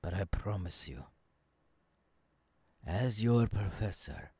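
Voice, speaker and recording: An earnest futurist professor, acted by a man, guides an apprentice in an intimate ASMR roleplay. His husky voice moves slowly in halting phrases and swings widely between hushed lows and emphatic rises. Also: animated, dry recording, heavily acted. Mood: reassuring, fervent. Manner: slow, deliberate, halting phrases dropping into whispers. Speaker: voice actor. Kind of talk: ASMR audio roleplay, intimate second-person monologue. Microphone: close microphone, dry.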